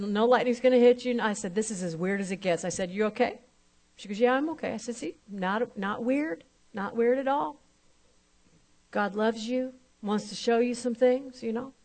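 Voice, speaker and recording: A woman minister telling a testimony in a sermon, acting out both sides of the conversation as she tells it. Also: medium pitch.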